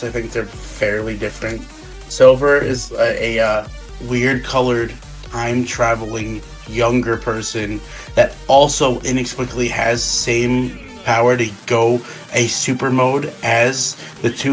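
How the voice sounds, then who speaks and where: A man's voice: mid-range voice, flat delivery, low-quality recording. Drunk man rambling over music. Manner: rambling, halting, repeats and restarts phrases. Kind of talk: casual rambling fan discussion.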